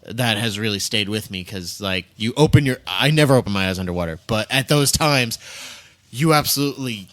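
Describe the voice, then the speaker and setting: Bright-voiced joking man on a podcast. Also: fairly low pitch, lively intonation, brisk. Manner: joking and profane, rambling storyteller. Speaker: podcast co-host. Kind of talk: casual chat.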